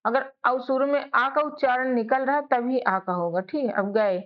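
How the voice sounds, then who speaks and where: A woman teaches beginners English spelling, drilling each letter's sound and often answering her own questions. She speaks at a moderate pace in a high voice, on dull, lo-fi audio.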